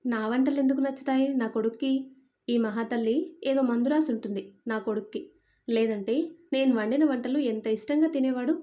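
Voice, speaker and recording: A woman's voice: a little high, a little fast, dark tone, natural voice. A woman reading a story voicing an older mother-in-law, a complaining, emotional woman. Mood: resentful.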